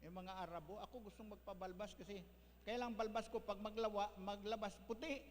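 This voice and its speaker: A man's voice: high voice, steady tone, fairly quick. A male pastor, preaching a folksy sermon that mixes in English words. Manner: folksy, mixes English, tags lines with "ano?". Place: church hall. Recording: echoey church hall, faint hum.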